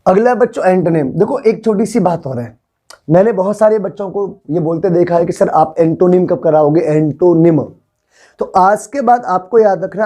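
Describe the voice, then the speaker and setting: Brief: young male teacher in a classroom, mellow tone, coaxing, repeats words for students to echo. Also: high-pitched. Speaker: English teacher. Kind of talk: classroom vocabulary lesson.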